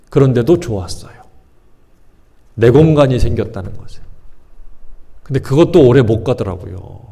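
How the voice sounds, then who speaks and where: A man's voice: on the high side, darkish tone. A middle-aged male pastor preaching a sermon in a conversational way, often asking the congregation questions.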